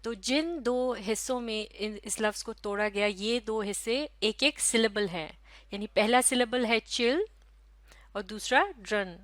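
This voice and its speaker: Woman, teacher, recorded lesson, patient, repeats words slowly, slightly high voice, dry close sound. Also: a bit bright, no room sound. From Pakistan. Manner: slow, patient, spells out syllables and repeats words.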